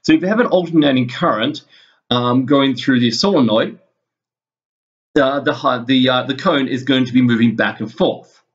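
Speaking indoors over a screen recording, a male physics teacher with a mid-level pitch talks through an informal lesson at his computer. The audio is dull and lo-fi, and he works out his explanation aloud in halting, one-step-at-a-time fashion.

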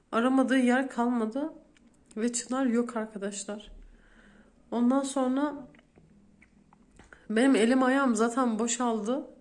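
A woman's voice: on the high side, darkish tone. A woman in her thirties, a vlogger speaking straight to her viewers as she retells a frightening day in detail. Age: 30s. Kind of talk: emotional storytelling to viewers.

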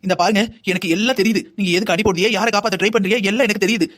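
A voice actor playing an angry middle-aged mother in a cartoon drama, scolding in a rapid-fire way. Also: mid-range voice, fairly bright tone, faint music behind, close to an everyday voice. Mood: furious. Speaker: bride's mother.

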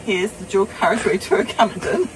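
A woman's voice: medium pitch, sing-song, moderate pace, background noise. A woman chatting playfully with a friend inside a small camper van at night, explaining plans step by step. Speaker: travel companion. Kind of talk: casual chat.

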